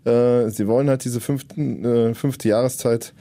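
A man co-hosting a football podcast, giving casual analysis in a halting way as he searches for words. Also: medium pitch, steady tone, dark tone, dry recording. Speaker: podcast co-host and football reporter.

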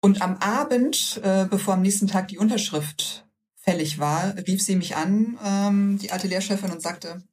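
A woman recounts her story as an interview guest in a casual, lively way. She tosses in fillers and brings the quoted dialogue to life. Her voice sits a little back from the microphone. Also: medium pitch, moderate pace, recorded from a distance. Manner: lively anecdotal telling with many fillers, acting out quoted dialogue. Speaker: interview guest, salon owner.

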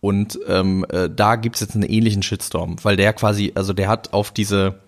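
A man with a low-pitched voice co-hosts an easygoing conversation. He speaks relaxed and hesitant, with frequent filler sounds. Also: moderate pace. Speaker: podcast co-host. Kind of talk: casual chat.

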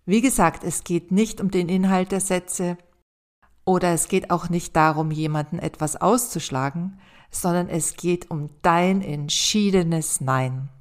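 A woman hosting a self-help podcast, calmly speaking straight to the listener and guiding them through exercises in a gentle, encouraging way. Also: on the low side, a little slow. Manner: calm, addresses the listener directly as "du". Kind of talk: scripted advice monologue.

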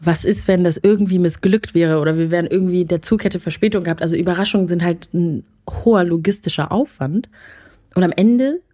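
A young woman co-hosting a relaxed bedtime chat, telling stories with a lot of laughter. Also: on the low side, brisk. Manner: chatty, laughs at her own jokes. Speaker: podcast co-host.

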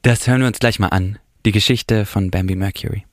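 A man's voice: fairly low pitch, fairly even intonation, a little fast, no echo, clean studio sound. A man presenting a podcast introduction in a reflective, conversational style.

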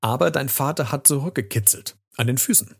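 A man's voice: mid-range voice, animated, a little fast, vocal fry, husky, pitched above the performer's own voice. A man doing a crafty, kindly old-school professor. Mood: playful. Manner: gentle, playful storytelling. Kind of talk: storybook reading.

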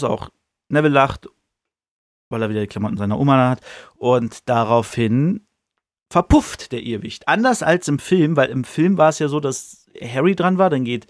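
A man's voice: mid-range voice, no room sound, clean studio sound. Chatty, slangy young man on a podcast. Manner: slangy, chatty, many fillers. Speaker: podcast host. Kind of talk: casual retelling of a book chapter.

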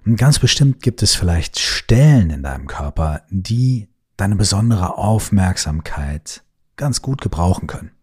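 Male meditation guide, very deep, husky voice, slow and soothing delivery that drifts into whispers. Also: big pitch swings, a little mellow.

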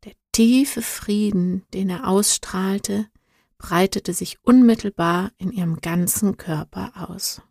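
A woman reading a storybook aloud in a calm, measured storytelling manner. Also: medium pitch, gravelly, no echo, clean studio sound. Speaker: narrator.

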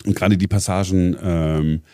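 A man's voice: sits low, fairly even intonation, moderate pace, mellow, clear, resonant tone, dry recording, clean studio sound. A man presenting on a talk show in casual chat, explaining at length with many hesitations and restarts. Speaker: radio presenter.

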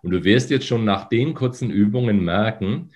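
A man's voice: fairly low pitch, normal speed, a little mellow. A male voice coach on a podcast, his voice a little phlegmy in the morning, explaining and demonstrating voice exercises with hums. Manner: instructive, demonstrates with hums and sung lines.

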